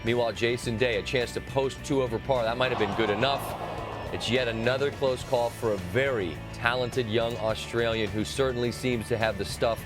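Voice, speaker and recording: Guy doing golf commentator highlights, normal pitch, music bed really loud behind him. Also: steady tone, normal speed.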